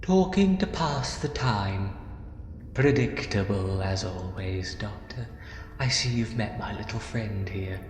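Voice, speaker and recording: Theatrical taunting villain for audio drama male actor: low, widely swooping delivery, gloating menace. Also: animated, slow. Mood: smug. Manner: taunting, theatrical, slipping into breathy whispers. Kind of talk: fan audio drama acting. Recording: echoey, long reverb, music underneath.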